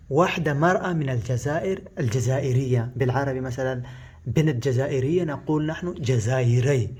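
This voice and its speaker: Male language teacher, native Pashto speaker, husky voice at a middle pitch. Slow, halting, repetitive delivery. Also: a little mellow. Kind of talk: language lesson.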